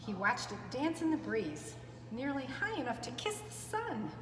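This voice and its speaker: A preschool storyteller reads aloud to young children, expressive and full of chatty asides to her little listeners. Her voice sits high and swings widely in pitch at a normal speed. The echoey, reverberant room carries clear background noise.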